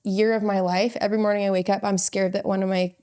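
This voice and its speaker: A woman's voice: medium pitch, little pitch movement, quick pace, warm tone, clean tone. A woman hosting a podcast, talking earnestly and at length in a heartfelt conversation. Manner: earnest, rambling with fillers. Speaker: podcast host.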